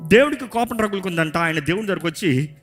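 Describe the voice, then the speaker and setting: A pastor preaching a sermon in a lively, animated way, slipping in English phrases and acting out people's complaints. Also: male voice, sits high, quick pace, soft background music. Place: church service.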